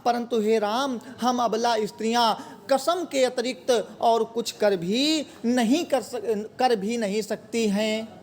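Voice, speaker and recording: A man's voice: very high-pitched, slow pace, darkish tone. A man explaining a poem line by line, asking his own questions and answering them. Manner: repeats words and asks questions then answers them himself. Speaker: Hindi teacher.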